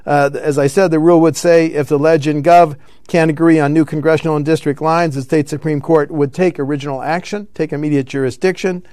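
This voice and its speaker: A man's voice: on the high side, fairly even intonation, a little fast, darkish tone, dry recording, clean studio sound. A man hosting a political talk show, running through news items with frequent fillers and self-corrections. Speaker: radio show host.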